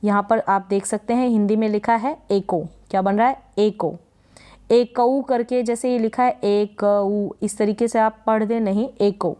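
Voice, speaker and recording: A woman giving a spelling and pronunciation lesson in a smooth, clear voice at a middle pitch. She speaks patiently, repeating each word and posing questions to the learner before answering them herself. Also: steady tone, moderate pace, hardly any pauses, mellow. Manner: patient, repeats words and asks rhetorical questions. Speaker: English teacher.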